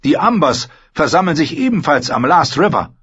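A man's voice: a little high, sing-song, normal speed, a bit bright, breathy edge, lo-fi sound, pitched above the performer's own voice, heavily acted. A man reading an audiobook, voicing a proud, hot-tempered young lord who argues defensively. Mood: angry. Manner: angry, defensive, boastful. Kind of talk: audiobook character voice.

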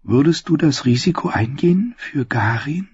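A man's voice: fairly high pitch, expressive, normal speed, a little mellow, slightly rough, no echo, muffled recording, voice pushed up. A man voicing a proud, scheming young princess who is imperious one moment and coaxing the next. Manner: imperious, then coaxing and confiding.

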